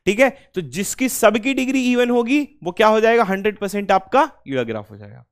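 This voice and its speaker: A man's voice: high-pitched, expressive, brisk. A man teaching a class, asking students questions and answering them himself, with English phrases mixed in and key points repeated. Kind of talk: classroom lecture.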